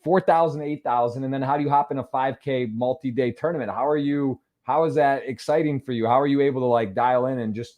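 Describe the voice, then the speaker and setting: A man's voice: medium pitch, a little mellow. A man hosting a poker podcast, asking long rambling questions and repeating words as he goes. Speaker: podcast host, interviewer. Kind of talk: casual interview questions.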